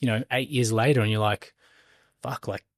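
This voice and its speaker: A man's voice: fairly low pitch, fairly even intonation, normal speed, dry recording, clean studio sound. A man, a stonemason talking as a podcast guest in loose, rambling chat full of fillers and swearing. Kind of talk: casual conversation.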